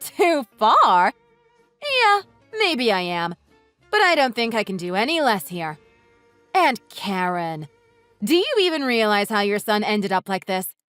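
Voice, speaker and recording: A woman's voice: medium pitch, sing-song, a little slow, no room sound. Woman voicing a furious, sarcastic wife. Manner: sarcastic, cutting, mocking. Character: furious wife tearing into her in-laws. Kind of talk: read-aloud text-message story. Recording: dry voice with soft music underneath.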